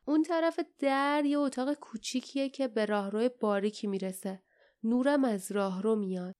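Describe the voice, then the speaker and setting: A woman voicing a bold, sharp-tongued girl who talks in a curt, scornful way. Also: fairly high pitch, natural voice.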